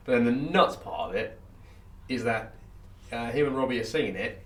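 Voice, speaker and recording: A man, co-hosting a podcast and telling animated, swear-filled stories in casual chat. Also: medium pitch, normal speed. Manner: animated storyteller, swears freely. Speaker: podcast co-host. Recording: roomy echo, mic at a distance, faint ambience.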